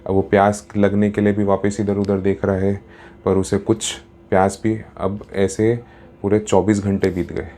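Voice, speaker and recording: A man's voice: lowish voice, completely flat delivery, measured pace, warm tone, a little hiss or hum. A man telling a story in a casual, chatty way, mixing in English words, as a storyteller and happiness coach.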